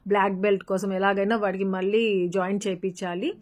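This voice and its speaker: A woman's voice: mid-range voice, level tone, a little fast, a little mellow. Woman, Rayalaseema Telugu accent, chatty family vlog voice-over, English words mixed in. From Rayalaseema, Andhra Pradesh. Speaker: family vlogger. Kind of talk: casual voice-over narration.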